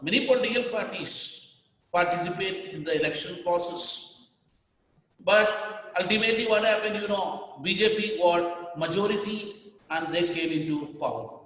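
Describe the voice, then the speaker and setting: A man's voice: high-pitched, a bit bright. Male teacher, echoey room. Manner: repeats key words, tells students what to underline. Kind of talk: classroom lecture. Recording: echoey room with long reverb.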